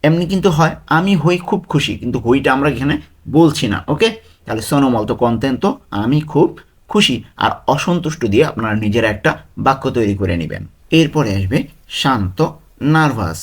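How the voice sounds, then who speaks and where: A man teaching a vocabulary lesson. He speaks slowly, repeats each word and its meaning, and asks and then answers his own questions. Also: medium pitch, animated. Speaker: language tutor.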